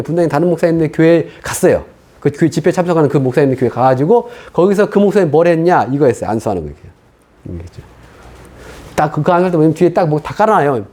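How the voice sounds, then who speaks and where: A high-voiced, quick-talking middle-aged male pastor gives a sermon testimony. His pitch swings widely as he acts out his past words and thoughts. The delivery is animated storytelling from the pulpit.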